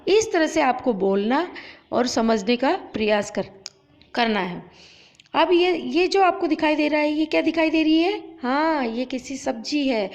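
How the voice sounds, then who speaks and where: A woman teacher giving an online lesson to children, stretching out example words slowly and asking questions that she answers herself. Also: sits high, animated. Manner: slow, drawn-out pronunciation of example words. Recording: dull lo-fi audio.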